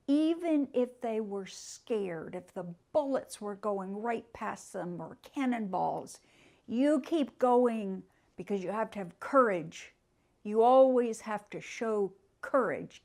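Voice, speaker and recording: A woman playing a booming proud ghost horse. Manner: loud, booming and declaiming. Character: old ghost war horse, proud and brave.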